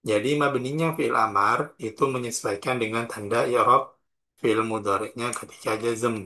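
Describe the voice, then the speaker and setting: A man with an Indonesian accent teaches a classroom grammar lesson in a bright, clear voice of average pitch and fairly even intonation. He proceeds slowly and deliberately, spelling out each form and its examples one at a time.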